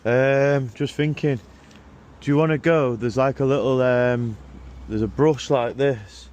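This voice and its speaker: Working man, casual and matey with slangy speech, giving relaxed instructions over background vehicle noise. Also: mid-range voice, unhurried. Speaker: car detailer filming and instructing a young helper. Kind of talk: casual chat while working. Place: in and around a vehicle being cleaned.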